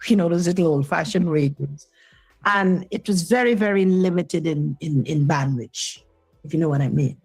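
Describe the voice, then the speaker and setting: A Guyanese woman in her sixties, a minister appearing as an interview guest, tells her story earnestly and explains things, checking in with the listener. Her low voice is creaky, darkish and breathy at the edges at normal speed, in a rough, echo-free recording with faint music behind.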